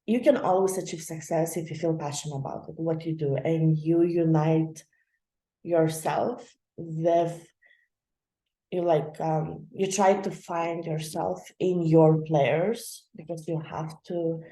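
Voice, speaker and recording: A woman's voice: sits low, fairly even intonation, takes it slowly, warm tone. Chatty woman host in an echoey room. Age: young adult. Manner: chatty, loose, many fillers and laughs. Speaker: channel host. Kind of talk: casual explainer talk.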